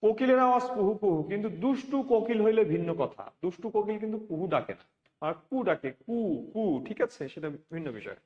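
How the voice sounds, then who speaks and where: A man's voice: high-pitched, expressive, fast. A man teaching an online class, repeating words and asking his students to respond. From Bangladesh. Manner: repetitive, asks students for responses. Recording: dull lo-fi audio with long reverb.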